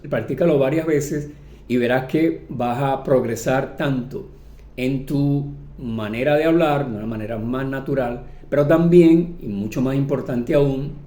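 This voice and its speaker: A man's voice: mid-range voice, mellow. Spanish-speaking man teaching in an echoey room. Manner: slows down for English example phrases. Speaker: English teacher. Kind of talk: video lesson to learners.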